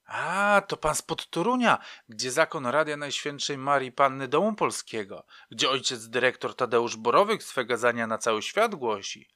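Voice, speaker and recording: A man's voice: on the high side, sing-song, normal speed, sharp tone, dry recording, studio quality, pitched above the performer's own voice. Man putting on a chatty pious old woman. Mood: fussing. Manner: talkative, nosy, fussing.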